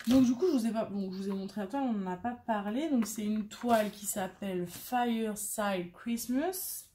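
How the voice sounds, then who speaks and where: A woman's voice: mid-range voice, brisk, mellow, slight background noise. A woman chatting casually and mocking herself while she works on a craft, thinking aloud as she goes. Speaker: craft vlogger.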